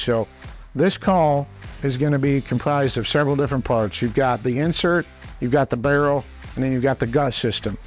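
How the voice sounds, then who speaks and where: A man's voice: mid-range voice, a little mellow. A man instructing in a plain-spoken, practical way, explaining step by step in a conversational demonstration style. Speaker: instructor, hunting call expert.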